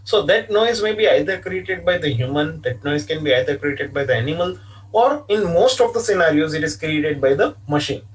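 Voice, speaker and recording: A man's voice: on the high side, expressive, normal speed. A man giving an online engineering lecture, explaining patiently and repeating himself, with frequent "okay" fillers. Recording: distant mic sound.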